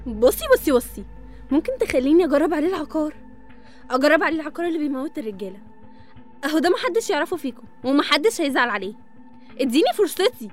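A woman's voice: high-pitched, animated, fast talker, pauses often, soft background music. A woman playing an eager woman begging to test a drug on a captive. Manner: eager, pleading. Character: eager female mad scientist, pleading.

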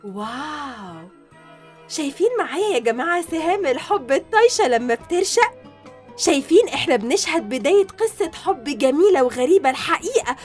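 A woman speaking with an Egyptian Arabic accent who hosts a mock livestream and gives theatrical, teasing commentary. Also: sits high. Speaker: livestream host.

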